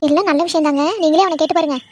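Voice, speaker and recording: A woman's voice: sits high, steady tone, lightly acted. A woman voicing a fussy middle-aged mother of four sons in a cartoon, talking in a scolding, nagging way. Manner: scolding, nagging, rapid-fire. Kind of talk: cartoon voice acting.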